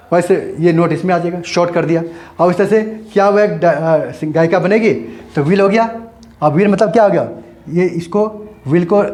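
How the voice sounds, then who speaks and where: A man's voice: sits high, darkish tone. Upbeat man teaching grammar step by step. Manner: repetitive, explains step by step while writing. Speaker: English teacher. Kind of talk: Hindi-medium grammar lesson.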